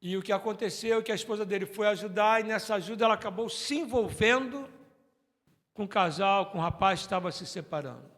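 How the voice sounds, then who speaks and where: A Brazilian man preaching a sermon as pastor, moving between loud exhortation and hushed storytelling. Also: sits high, fast. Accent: Brazilian Portuguese. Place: church hall. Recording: church sermon recording with long hall reverb.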